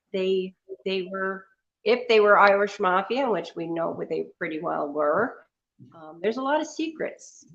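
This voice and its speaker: A woman who works at the hotel speaks loudly across the room so another person's mic picks her up. Her voice comes through echoing, and she fills gaps with lots of ums. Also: medium pitch. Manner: talks loud to reach a second mic, many ums. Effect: voice picked up from across the room by another person's mic, echoing. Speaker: hotel staff member telling its history. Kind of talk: call-in interview chat. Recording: echoey, dull remote call audio.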